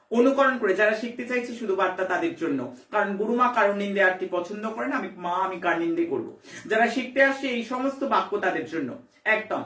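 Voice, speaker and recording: A woman's voice: fairly high pitch, a bit bright, echoey room, far from the mic. A woman spiritual teacher, giving a devotional lesson emphatically, repeating herself and firing rhetorical questions.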